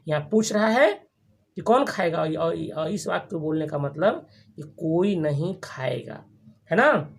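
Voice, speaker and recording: A teacher with a breathy, husky voice runs a grammar class in call-and-response style. Each term is repeated and then quizzed back at the students, with frequent restarts and check-ins. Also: medium pitch, lively intonation. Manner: repeats terms and quizzes the class with quick questions.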